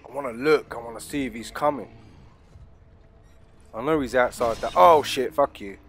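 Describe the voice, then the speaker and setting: A man's voice: mid-range voice, moderate pace, breathy edge, faint music behind. Sweary British male horror gamer. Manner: sweary, slangy, jokily threatening, addresses viewers. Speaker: gamer playing a horror game. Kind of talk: casual let's play commentary. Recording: faint game ambience behind voice. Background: horror game ambience.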